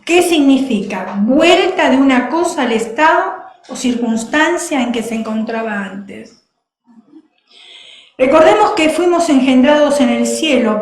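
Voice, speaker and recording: A woman preacher giving a sermon, animated and laughing, acting out other people's voices. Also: high-pitched, roomy sound.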